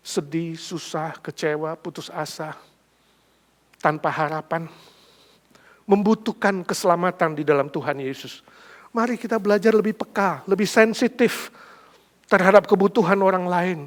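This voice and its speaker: A middle-aged male pastor preaching a sermon, swinging dramatically between a hushed voice and loud emphasis. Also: a little high.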